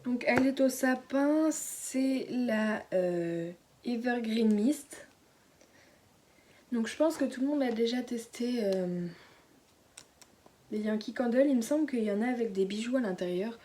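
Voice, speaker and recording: A teenage girl chatting casually through a beauty haul at home, speaking softly and often slipping into a whisper, with lots of fillers and restarts. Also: on the high side, measured pace, a little hiss or hum. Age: late teens. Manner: hushed, often dropping to a whisper. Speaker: beauty vlogger. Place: at home indoors.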